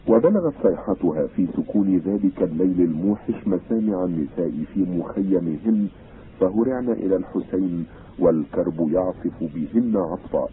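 Male narrator, very deep, formal and measured; thin old radio sound. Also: lively intonation. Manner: formal, measured, literary reading. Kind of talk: scripted narration. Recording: tinny old radio broadcast, faint hiss.

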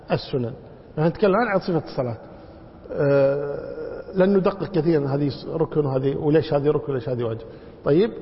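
This slightly high-voiced man is a religious scholar teaching a book during a classroom lesson about prayer. Drawing out words, he illustrates incorrect pronunciations, and he shares anecdotes with a chuckle; the sound is dull and lo-fi, echoing in a hall.

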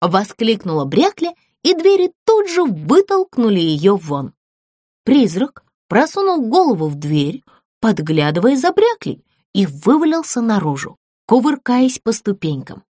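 A woman narrating a children's audiobook, expressive and animated. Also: fairly high pitch, a little slow, no room sound, clean studio sound.

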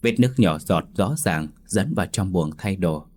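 Deep husky male ghost-story narrator. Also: animated, moderate pace, darkish tone. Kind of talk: scripted horror narration.

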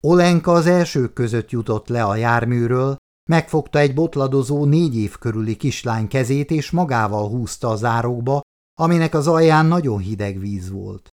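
A man narrating an audiobook in a steady, measured way, with a voice of ordinary middle pitch. The reading is calm and even-paced, a plain storyteller's delivery. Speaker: audiobook reader. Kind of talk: scripted narration.

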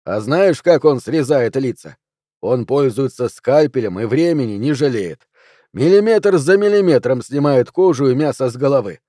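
A man reading an audiobook, voicing a nervous, talkative police officer in a louder, slightly higher voice. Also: animated, moderate pace, dry recording, studio quality, natural voice. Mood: grim.

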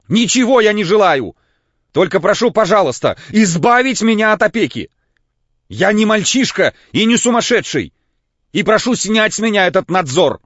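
A man reading an audiobook, voicing an overwrought young man who shouts in a high, cracking voice. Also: sing-song, a little slow, no room sound. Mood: shouting hysterically. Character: hysterical young man, indignant, near breakdown. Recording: dull, dry lo-fi recording.

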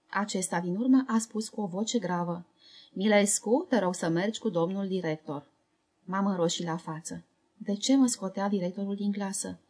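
A woman narrating a memoir novel as an audiobook, in a calm, measured, reflective reading. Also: medium pitch.

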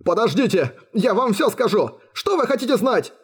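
A man voicing a panicked male thug prisoner who begs for his life, in a high, frantic voice, for an audiobook. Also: big pitch swings, normal speed, slightly rough, heavily acted. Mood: terrified begging. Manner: frantic, gabbling pleas.

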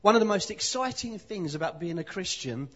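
A man from London with a London accent, preaching as a guest and pausing after short phrases for his interpreter. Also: high voice, dull audio. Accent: London English. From London, England. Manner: lively, pauses for interpreter, speaks in short phrases. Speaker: visiting preacher. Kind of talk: sermon with live interpretation.

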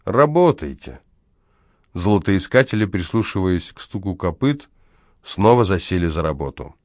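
A man narrating an audiobook in a measured, even reading. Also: sits low, dry recording, clean studio sound. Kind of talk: scripted narration.

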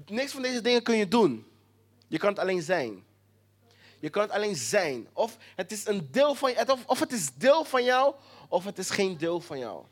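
Preacher doing a sermon, says stuff over and over for emphasis, goes quiet and hushed sometimes. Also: mid-range voice, sing-song, normal speed.

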